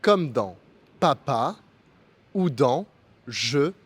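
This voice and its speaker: A man teaching pronunciation in a slow, scripted lesson, articulating each sound with care. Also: medium pitch, very animated, breathy edge. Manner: careful, deliberate articulation. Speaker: French teacher.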